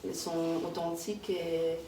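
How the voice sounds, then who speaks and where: A woman in her thirties, born in Kazakhstan and working in early childhood, answers interview questions casually and hesitantly, with many fillers and restarts. Her voice is on the low side, level, unhurried, and dark. The room is echoey, the mic distant, and there's background noise.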